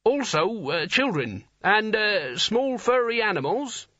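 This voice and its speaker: A man's voice: high-pitched, big pitch swings, slow, pushed and bright, dry recording, muffled recording, voice pushed up, full character voice. A man voicing a timid, earnestly polite young male hero who stammers and hesitates. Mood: nervous, polite.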